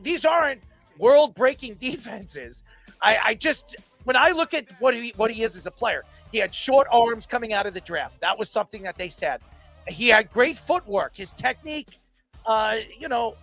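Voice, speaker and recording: A man in his forties co-hosting a casual sports podcast, opinionated and animated, with frequent restarts. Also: extremely high pitch, vocal fry. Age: 40s. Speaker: podcast co-host.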